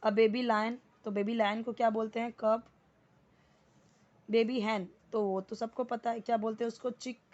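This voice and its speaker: A woman's voice: on the high side, fairly even intonation, normal speed, darkish tone, highs cut off. A woman teaching an English vocabulary lesson, asking questions and answering them herself, repeating each word for practice. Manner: asks questions then answers them, repeats words for drill.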